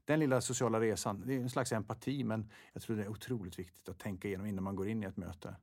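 A man's voice: on the low side, steady tone, a little mellow. A man guest in an interview, speaking reflectively and often posing rhetorical questions to himself. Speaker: guest, football referee.

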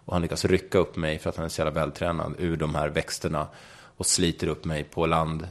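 A young man with a very low, gravelly voice talks frankly in an interview. He retells his own story vividly and drops casual swear words along the way. His voice sits deep, with a rough, crackling edge. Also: flat delivery. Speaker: guest.

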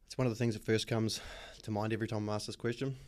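A man with a New Zealand accent speaks as a podcast guest, open and reflective as he talks through his upbringing. He often pauses on an um. His voice sits on the lower side. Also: level tone, darkish tone. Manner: open, reflective, many ums. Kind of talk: personal storytelling in an interview.

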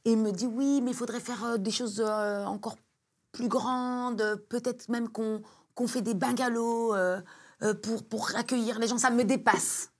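A woman's voice: a little high, measured pace. A woman from Belgium, a comedian, telling an anecdote as a podcast guest, acting out the people she quotes and often laughing. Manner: lively storyteller, acts out quotes, laughs often.

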